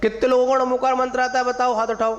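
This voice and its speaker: A Jain monk gives a sermon to an assembly in an extremely high voice with little pitch movement, speaking at a quick pace on dull-sounding audio. Teacherly, he draws out syllables to model pronunciation and quizzes his listeners, with long hall reverb and faint room ambience.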